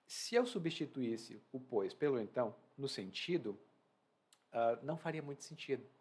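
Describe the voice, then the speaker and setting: A Portuguese teacher with a Brazilian accent speaks at a moderate pace in a mid-range voice with a breathy edge. Indoors at home, he animatedly explains a reading and acts out its quoted phrases.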